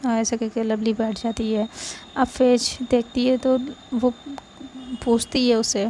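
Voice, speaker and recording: A woman's voice: a little high, level tone, unhurried, mellow, slight background noise. A woman narrating a romance story in a casual, conversational way, often repeating and restarting phrases.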